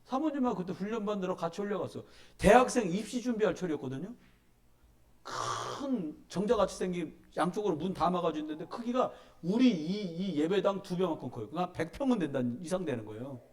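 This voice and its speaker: A middle-aged man preaching as a pastor in a church sanctuary, telling stories and urging his listeners with emphatic, animated delivery. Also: high-pitched, fairly quick. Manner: animated storytelling, emphatic exhortation. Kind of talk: sermon.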